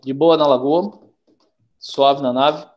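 A young man with a Brazilian Portuguese accent gives an online class. His voice sits a little high, and his talk is relaxed and chatty. He keeps checking in with the class and drops slangy rhymes. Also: slow pace, muffled recording. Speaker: teacher.

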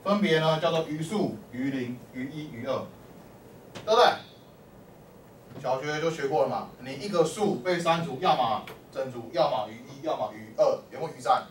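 A man's animated, medium-pitched voice delivers a classroom math lecture at a moderate pace. He quizzes the students constantly, peppering his talk with "lai" and "o" to draw out answers. The recording is echoey and distant, with a faint hum.

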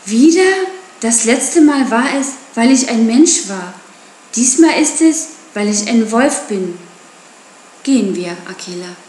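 A woman's voice: on the high side, lively intonation, measured pace, a little mellow, roomy sound, slight background noise. A woman voicing a defiant wild boy raised by wolves, scornful and taunting. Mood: bitter.

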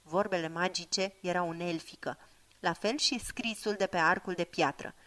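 A woman's voice: on the low side, a bit bright, lightly acted. Woman doing a stern old wizard. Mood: scolding. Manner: commanding, scolding, slow chanted spells. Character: old male wizard, stern and short-tempered.

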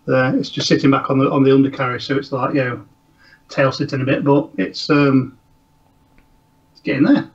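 A man's voice: medium pitch, little pitch movement, moderate pace, long pauses. A man joining a casual modelling live show over a call, talking hesitantly and self-deprecatingly, often trailing off mid-sentence. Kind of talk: casual live-stream chat. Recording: slightly dull call audio.

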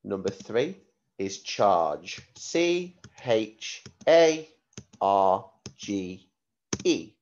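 A man speaking as a primary school teacher, giving slow, deliberate spelling dictation, repeating words and spelling them out letter by letter. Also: fairly low pitch, big pitch swings, a little mellow, highs cut off.

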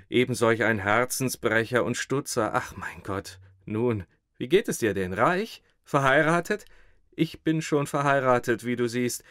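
A man's voice: medium pitch, fairly bright tone, no room sound, clean studio sound. A man voicing a fawning, talkative thin clerk in an audiobook, speaking eagerly and at length. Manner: effusive, eager, rambling. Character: fawning, chatty thin male clerk, excited. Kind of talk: audiobook character reading.

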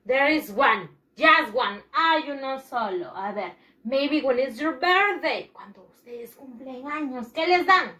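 Animated, high-pitched woman teaching young children. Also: slow pace. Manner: animated, sing-song, acts out pupils' replies. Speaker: primary school English teacher. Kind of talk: bilingual children's lesson.

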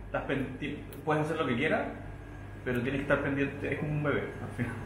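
A man in his thirties, a chef from Chile who grew up in Mexico and speaks with a Mexican Spanish accent, answering interview questions thoughtfully, with hesitations and soft laughs. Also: mid-range voice, steady tone, a little fast, slight background noise. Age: 30s. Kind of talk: relaxed sit-down interview. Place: indoor restaurant with wooden shelves. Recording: echoey room with faint ambience.

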